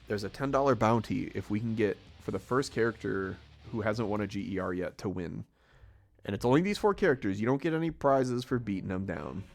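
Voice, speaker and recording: A man's voice: fairly low pitch, vocal fry. A man casually commentating a live fighting-game tournament, rambling and chuckling often.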